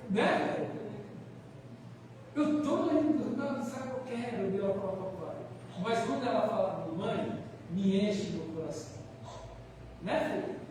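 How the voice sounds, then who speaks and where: A Brazilian man preaching a sermon, telling a personal story in an earnest, animated way with changing volume. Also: high-pitched, a little slow. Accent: Brazilian Portuguese. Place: church hall. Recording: echoey church hall, mic far off, faint noise.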